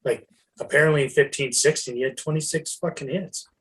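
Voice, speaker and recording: A man's voice: on the high side, husky, low-quality recording. A man co-hosting a sports podcast, talking casually with frequent restarts and swearing. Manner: animated, swearing, halting restarts. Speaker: podcast co-host.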